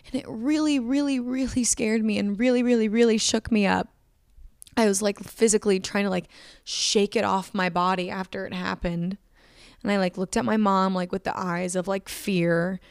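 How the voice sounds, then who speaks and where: A young woman hosting a podcast, talking candidly and emotionally about her personal struggles, often halting and restarting. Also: medium pitch, fairly even intonation, gravelly, clean tone, no echo, clean studio sound. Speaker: podcast host. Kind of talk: personal confessional monologue.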